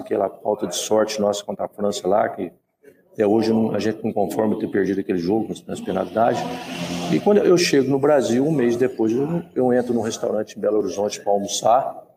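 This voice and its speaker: A Brazilian man in his sixties, a former footballer, telling stories in an interview with lively, repetitive phrasing. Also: on the low side, a little fast, gravelly, crowd noise. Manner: lively storyteller who acts out quoted dialogue and repeats words. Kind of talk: storytelling in an interview.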